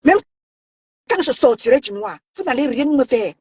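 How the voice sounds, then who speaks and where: A woman from Cameroon delivers a heated online rant in a very high voice, confrontational and taunting, often shouting and stammering as she repeats herself. The sound is dry and close, with no room around it. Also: animated, moderate pace, breathy edge, no room sound. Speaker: social media commentator.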